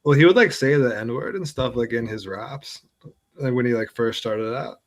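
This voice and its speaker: Young man, mid-pitched, casual and hesitant. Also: normal speed, a crowd in the background. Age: young adult. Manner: hesitant, heavy use of "like". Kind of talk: casual chat.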